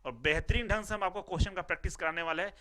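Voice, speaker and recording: A young man teaches a recorded class, and his voice sits high and bright. He explains patiently, repeats each point and keeps checking that his students follow. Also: rapid-fire. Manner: explains step by step, repeats phrases, asks "ठीक है ना" often.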